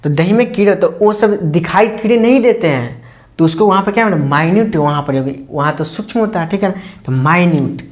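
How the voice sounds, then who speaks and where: A teacher walks a class through an English lesson, keeping a steady mid-level pitch. Little check-in questions like "ठीक है ना?" keep coming, and the teacher answers each one, repeating important words slowly in a patient, step-by-step way.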